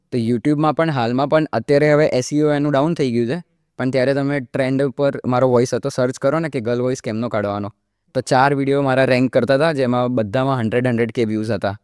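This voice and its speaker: Here the Indian mimicry artist, a young adult in his early twenties, gives relaxed interview answers as a podcast guest, leaning on English fillers like "like." His voice is mid-range with a clean tone, and the clean studio sound carries no echo.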